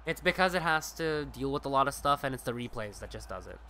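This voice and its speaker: A man doing amateur play-by-play commentary of a hockey video game, excitable and shouting on big plays, with casual profane asides to viewers. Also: medium pitch, quick pace, soft background music.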